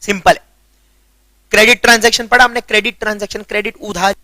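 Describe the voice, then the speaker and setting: This commerce tutor, a young Gujarati man, lectures in Hindi with a high voice, quick delivery, sharp tone and fairly level intonation, recorded with no room sound. His chatty style keeps pausing to confirm students follow, and he drops English terms throughout.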